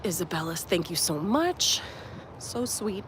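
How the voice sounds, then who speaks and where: Walking outside a resort at sunrise, a young woman who works as a life coach and runs a channel chats to her live-stream viewers in a lowish, sing-song voice, a little slow, on a low-quality recording. A cold makes her slightly nasal, and a faint outdoor hum lingers behind her warm, earnest, reflective words, which drift through plenty of "um"s and "like"s.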